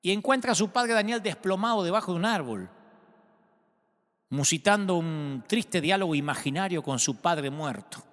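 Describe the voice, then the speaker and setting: A man preaching a sermon, telling a story dramatically and swinging between hushed and loud passages. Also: high-pitched, lively intonation, normal speed, big-room sound. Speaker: pastor.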